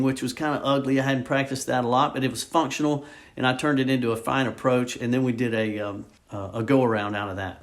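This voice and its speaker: A man giving a casual, informal narration as a student pilot recounting a flight, with slightly hesitant phrasing. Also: mid-range voice. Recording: steady loud aircraft engine and cabin noise. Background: aircraft engine drone and vehicle ambience.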